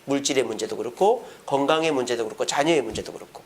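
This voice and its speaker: A man's voice: medium pitch, quick pace, a little hiss or hum. A man preaching as a pastor at a church prayer service, posing questions to the congregation and answering them himself. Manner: acts out quoted speech in lively voices. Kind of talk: sermon.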